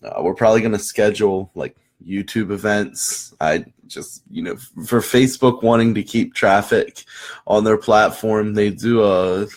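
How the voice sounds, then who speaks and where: Having lost his voice, a young man sounds low and hoarse as he hosts a casual live marketing chat for viewers. He talks at normal speed but rambles, restarts sentences and fills pauses with "um" and "you know."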